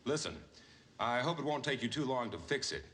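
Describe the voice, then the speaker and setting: A man's voice: medium pitch, expressive, a little fast, a bit bright, close to an everyday voice. A man playing an officious building manager. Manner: formal, officious. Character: pompous, formal male property manager.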